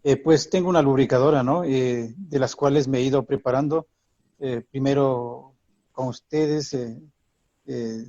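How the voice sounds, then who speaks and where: Male shop owner, halting testimonial; mellow tone, muffled dry recording. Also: mid-range voice, no room sound. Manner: halting, many "eh" fillers. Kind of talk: casual testimonial.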